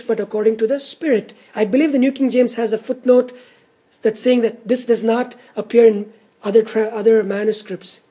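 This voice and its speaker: A pastor delivers an expository sermon with a dark, mellow, somewhat husky voice. The delivery is earnest and teacherly, and key words are repeated for emphasis. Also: medium pitch.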